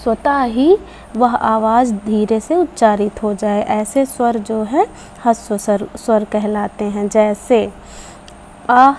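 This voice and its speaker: A woman giving a patient grammar lesson to children, explaining slowly and repeating each point. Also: a little high, mellow, slight background noise. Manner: slow, patient explaining with repetition; addresses children. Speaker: Hindi teacher.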